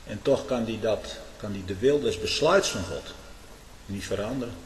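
A man preaching a fiery sermon, dropping to low mutters and then rising to shouts, often asking his listeners "hm?". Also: normal speed, a little hiss or hum. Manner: asks "hè?" and "hm?" to the listeners. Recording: echoey hall with long reverb.

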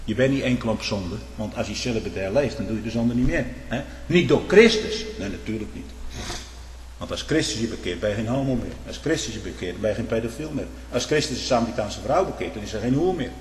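A man preaching a fiery, denouncing sermon, swinging from quiet warnings to loud outbursts and repeating words for emphasis. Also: fairly low pitch, lively intonation, quick pace, a little hiss or hum. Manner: tag questions like "hè?". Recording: echoey hall with long reverb.

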